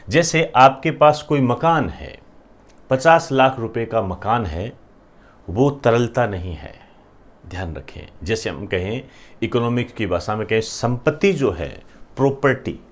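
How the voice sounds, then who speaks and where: Slow, deliberate male teacher. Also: on the low side. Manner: slow, repetitive, often checks with "clear?". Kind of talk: classroom lecture.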